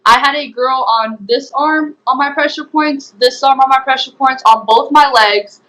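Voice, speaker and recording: A young woman, a former program resident, appears as an interview guest to give a personal testimony. Her high-pitched, bright voice is forceful and moves at normal speed as she earnestly retells events with many fillers. The recording's highs are cut off.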